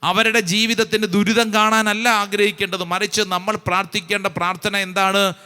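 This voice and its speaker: A male priest delivers a charismatic retreat sermon in a high, bright and ringing voice. He presses his listeners with repeated rhetorical questions and slows to a deliberate pace when reading scripture. The sound carries the long reverb of a large hall. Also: little pitch movement, clean tone. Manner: fervent, repetitive exhortation with rhetorical questions; reads scripture slowly and deliberately.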